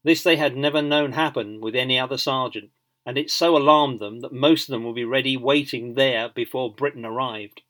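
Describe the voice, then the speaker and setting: A man reading a biography as scripted audiobook narration in a measured storytelling manner. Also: mid-range voice, steady tone, fairly bright tone.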